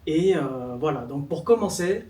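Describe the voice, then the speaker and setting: A man hosts an interview, asking his guest questions in a friendly, halting way. His voice is somewhat high. The sound is roomy and echoey, and he is heard from a little way off the mic. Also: lively intonation, mellow, recorded from a distance. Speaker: interviewer, channel host. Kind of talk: casual interview.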